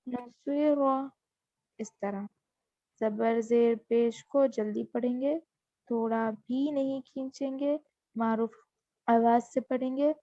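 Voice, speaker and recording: A woman teaching Quran reading, spelling out syllables one by one and adding quick explanations. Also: high voice, vocal fry, warm tone, no echo, lo-fi sound. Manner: spells each syllable slowly, then explains in quick asides. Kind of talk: slow drilled lesson recital.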